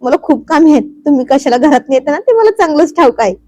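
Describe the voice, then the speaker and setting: A woman's voice: high voice, lively intonation, fast talker, mellow, dull audio, pitched above the performer's own voice. A woman voicing a shy, scolding young wife. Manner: bashful, mock-scolding.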